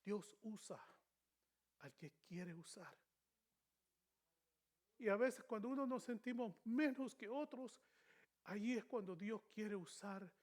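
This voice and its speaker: A man leading a church Bible study in a preaching style, emphatic, swinging between loud stressed words and quiet asides, and now and then dropping short English phrases into his talk. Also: high-pitched, slow pace, pauses often.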